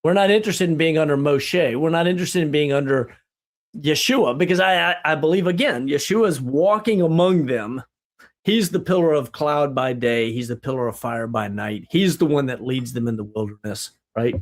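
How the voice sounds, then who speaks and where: Leading a lively Bible study on a livestream, a man with a somewhat high voice speaks at a moderate pace. He talks in exclamatory bursts and fires off rhetorical questions, often ending them with "right?", in an animated discussion.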